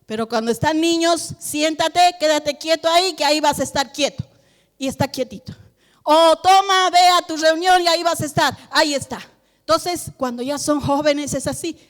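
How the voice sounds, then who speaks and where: Woman pastor preaching, high pitched, lively, acts out dialogues, echoey church hall. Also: normal speed. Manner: animated, acts out family dialogues. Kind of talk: sermon.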